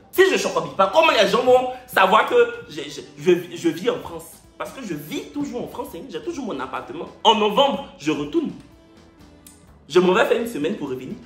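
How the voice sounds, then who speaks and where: Lively young Ivorian man telling a story. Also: high-pitched. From Ivory Coast. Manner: lively, theatrical, addresses viewers directly. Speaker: YouTuber. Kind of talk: animated storytelling vlog. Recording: echoey room, faint music.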